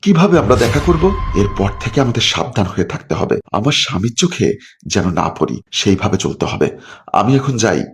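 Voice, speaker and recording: A man's voice: on the low side, very animated, moderate pace, slight background noise. A man voicing a young, scheming wife who plays innocent and sweet. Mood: anxious.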